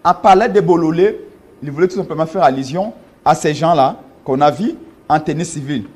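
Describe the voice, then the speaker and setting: This Congolese party official, his voice on the high side, a little fast, and a little mellow, mounts an insistent defense of his leader in a studio interview. He is argumentative and emphatic, pushing harder as he insists.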